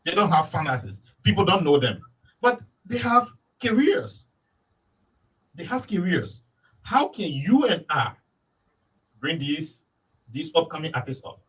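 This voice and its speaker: Husky man interviewing from a distance. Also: fairly high pitch, sing-song, measured pace, long pauses, fairly bright tone. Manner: earnest, repeats himself. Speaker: interview host.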